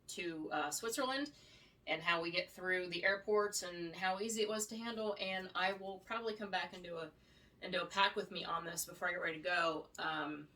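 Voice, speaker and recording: Casual woman vlogger, lowish voice, chatty and rambling; recorded at home from a distance. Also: sharp tone. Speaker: vlogger reviewing luggage. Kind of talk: casual unboxing review. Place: home room. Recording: distant mic, faint noise.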